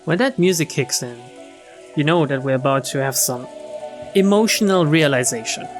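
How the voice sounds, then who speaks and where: This streamer has a slightly high voice and a moderate pace. He reads a visual novel's narration and character lines aloud with dramatic flair while game music plays underneath.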